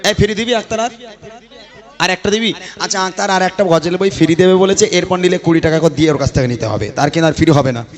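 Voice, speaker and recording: A man's voice: high voice, fast. A man announcing on stage, joking with and coaxing a live crowd. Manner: teasing, coaxing the audience. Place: live outdoor gathering on a stage. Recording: crowd noise behind.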